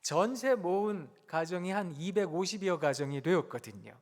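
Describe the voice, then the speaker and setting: A male preacher with a high voice speaks in a conversational, gently humorous way, often slipping into quoted lines. His sermon rings through the long reverb of a church hall. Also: expressive, normal speed. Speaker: guest preacher, professor. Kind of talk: sermon at an evening worship service.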